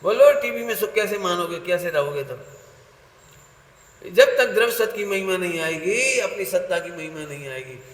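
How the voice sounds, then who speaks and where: A man's voice: high voice, lively intonation, moderate pace, fairly bright tone. A man preaching a sermon, playful and laughing, quizzing listeners by name. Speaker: Jain preacher leading a workshop. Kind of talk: sermon with audience questions. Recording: echoey hall with faint noise.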